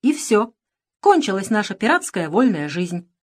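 A woman voicing a scheming, bossy pirate queen in an audiobook, sharp and commanding, turning sugary when she flatters. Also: medium pitch, normal speed. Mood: domineering. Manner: bossy, sharp, feigning sweetness. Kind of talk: audiobook character reading.

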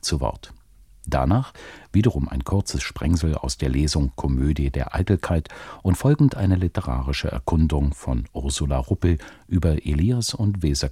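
A man's voice: a bass voice, dark tone, slightly rough, no echo, clean studio sound. A man presenting a scripted cultural radio introduction.

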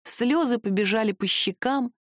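A woman narrating a novel aloud in first person, in a measured storytelling manner. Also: on the high side, dry recording, clean studio sound. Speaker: audiobook narrator.

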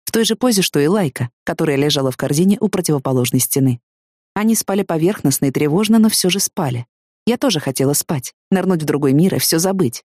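Expressive woman reading a novel. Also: low-pitched, quick pace, no echo, clean studio sound. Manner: expressive, emotionally engaged reading. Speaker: audiobook narrator. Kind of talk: first-person novel narration.

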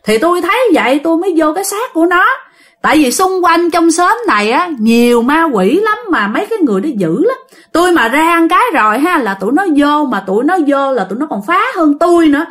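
A woman's voice: high-pitched, big pitch swings, fast talker, a bit bright, voice pushed up. A woman with a Southern Vietnamese accent voicing the pleading ghost of a drowned village boy, rambling and begging with many fillers.

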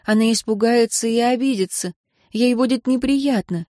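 A woman voicing an earnest young heroine in an audiobook, speaking gently and pleading. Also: a little high, moderate pace, no echo, studio quality, pitched above the performer's own voice, close to an everyday voice. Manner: gentle then pleading, voice rising when upset. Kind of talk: audiobook character reading.

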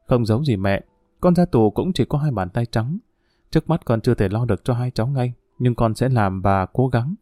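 A man's voice: mid-range voice, moderate pace, mellow, no echo, clean studio sound, soft background music, lightly acted. A man voicing a remorseful middle-aged father just out of prison, pleading humbly and earnestly in an audiobook. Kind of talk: audiobook character voice.

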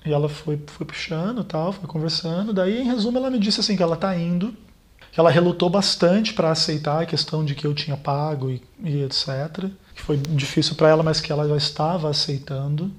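A man, a pastor, telling a therapist a painful personal story in a halting way and repeating words as he goes. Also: fairly high pitch. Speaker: pastor speaking as a therapy client. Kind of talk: personal account in a therapy session.

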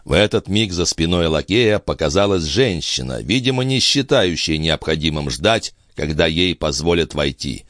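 A man narrating a classic novel as an audiobook, expressive and theatrical. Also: low voice, moderate pace, hardly any pauses, dry recording, studio quality.

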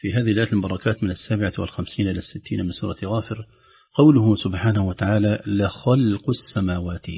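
Patient male recitation teacher with a husky, gravelly voice; slow recited examples; lo-fi broadcast sound. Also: on the low side, steady tone. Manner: patient, explanatory, recites example words slowly. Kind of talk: explaining tajweed on a call-in program.

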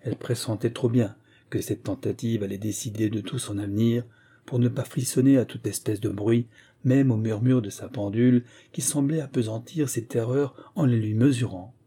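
A man narrating a classic novel in a measured, grave voice. His tone is very dark and mellow, with a husky edge. Scripted literary audiobook reading. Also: medium pitch.

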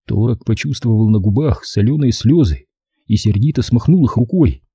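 A man reads a story aloud in a very dark, mellow, husky voice. His pitch moves widely as he narrates expressively, and the recording is dry and close. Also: animated, moderate pace, no echo. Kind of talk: audiobook reading.

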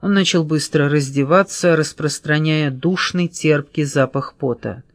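A woman reading an audiobook novel in a steady storytelling manner. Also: low-pitched, measured pace, no echo, clean studio sound. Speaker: audiobook narrator. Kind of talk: scripted narration.

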